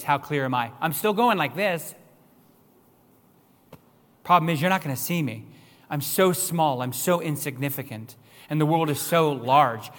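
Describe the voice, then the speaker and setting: A man's voice: a little high, fairly bright tone. Preaching man in a reverberant hall. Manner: rising to emphatic, raised-voice questions. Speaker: pastor. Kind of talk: sermon. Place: church sanctuary.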